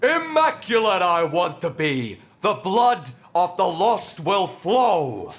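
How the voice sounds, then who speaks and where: A fanatical game cultist with a high voice that swings widely. He declaims slowly and fervently, like a devotee reciting a bloodthirsty creed. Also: big pitch swings, a bit bright, full character voice. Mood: fanatical fervor. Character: fanatical cult initiate chanting a bloodthirsty creed. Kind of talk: theatrical video game acting.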